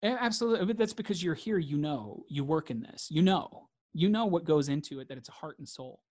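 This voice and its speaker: A man's voice: on the high side, expressive, a little fast, darkish tone, no room sound, clean studio sound. A man, a guest in a reflective interview, talking earnestly and repeating phrases for emphasis.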